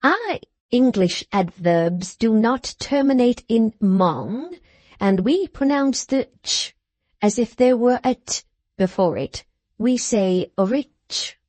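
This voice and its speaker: A woman voicing a pompous, condescending middle-aged Englishman who talks slowly and over-explains, as to a deaf child. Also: fairly high pitch, animated, darkish tone, no echo, pitched above the performer's own voice, exaggerated voice.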